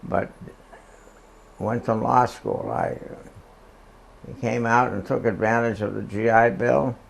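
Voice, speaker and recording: Very old man, slow and creaky. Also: medium pitch, lively intonation, a little hiss or hum. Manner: very old man's halting, hesitant delivery. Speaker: interviewee recalling the past. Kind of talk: oral history reminiscence.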